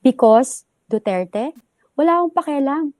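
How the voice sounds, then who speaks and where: A woman's voice: sits high, animated, unhurried, darkish tone, no echo, studio quality. A woman answering questions in a played interview clip, earnest and defensive.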